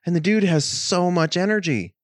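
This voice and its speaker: A man chatting casually, an easygoing storyteller who drops quick affirmations and laughs while telling a story. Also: sits high, dry recording, clean studio sound. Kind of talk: casual conversation.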